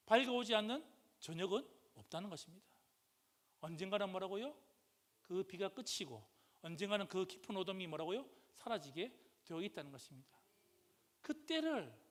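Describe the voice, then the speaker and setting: Impassioned high-voiced Korean pastor preaching. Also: male voice. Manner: call-and-response questions to the congregation; rises to loud impassioned outbursts. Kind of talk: sermon. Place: church sanctuary. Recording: church hall reverb.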